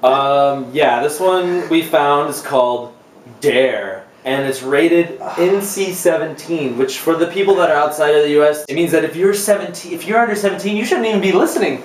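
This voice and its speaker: A man's voice: fairly high pitch, normal speed, slight background noise. A man co-hosting a comedic dramatic reading, laughing and exasperated as he reads aloud. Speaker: co-host reading fan fiction aloud. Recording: roomy echo, slightly far from mic, faint music.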